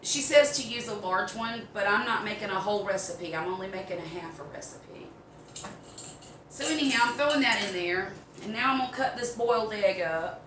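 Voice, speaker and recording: A woman's voice: mid-range voice, fairly quick, a bit bright. An older woman with a Southern US accent chatting casually in a folksy, rambling way as she gives a home cooking demonstration. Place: home kitchen. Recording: roomy, distant mic, background noise.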